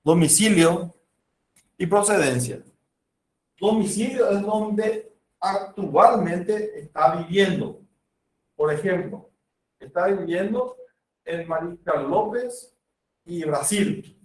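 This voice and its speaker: Speaking slowly and pausing often, this man has a high-sitting voice and a Paraguayan Spanish accent. He is lecturing on medicine at a university, illustrating points with examples and staged conversations with patients. The mic is far off, giving a roomy sound.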